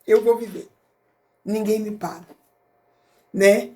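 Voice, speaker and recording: A middle-aged woman with a Brazilian accent, a podcast guest and motivational speaker, telling a personal story with lively acted-out dialogue. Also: medium pitch, takes it slowly, reverberant. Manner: animated, acts out dialogue in different voices.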